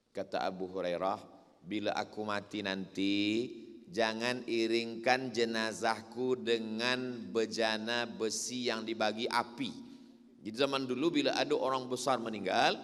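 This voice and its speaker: A man's voice: on the low side, a bit bright. A middle-aged Indonesian man giving a sermon, telling stories with animation and voicing the people in them. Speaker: preacher. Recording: long reverb in a hall.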